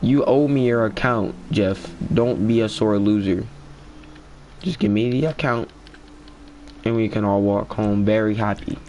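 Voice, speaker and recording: A man's voice: fairly low pitch, a little slow, a little mellow, a little hiss or hum. A young man casually narrating a gaming story in a slangy, swearing storytime style. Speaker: gaming vlogger.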